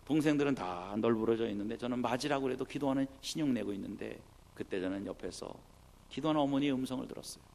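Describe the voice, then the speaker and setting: Gravelly middle-aged male pastor preaching. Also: medium pitch, quick pace. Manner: animated storytelling, acts out his mother's tearful prayer. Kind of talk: sermon with personal story.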